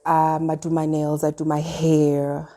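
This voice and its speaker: A woman's voice: low voice, completely flat delivery, a little slow, mellow. A South African woman in a casual group chat, talking in an earnest, reflective way. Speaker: guest.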